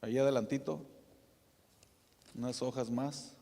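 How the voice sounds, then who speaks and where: A man preaching a sermon as pastor, in a conversational style with frequent tag questions and soft asides. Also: mid-range voice, steady tone, measured pace, vocal fry. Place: church sanctuary. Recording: reverberant church hall.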